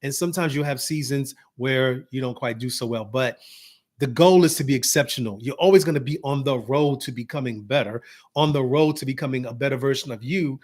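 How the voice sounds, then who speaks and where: Animated man giving casual marriage advice. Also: mid-range voice, a little fast. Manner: animated, acts out dialogue, drops to calm soft tones for examples. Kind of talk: casual motivational talk.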